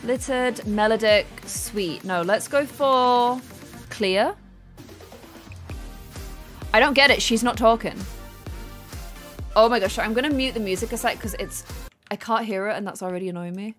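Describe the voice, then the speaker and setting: A young woman chatting excitedly while live-streaming a game, laughing often. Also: fairly high pitch, a little slow, pauses often, faint music behind.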